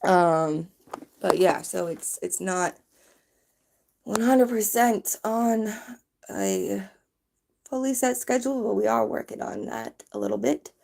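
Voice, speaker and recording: A woman's voice: mid-range voice, very animated, slow pace, vocal fry, pauses often, darkish tone, a little hiss or hum. A woman chatting casually on a late-night livestream, sleepy and yawning, rambling from one thought to the next.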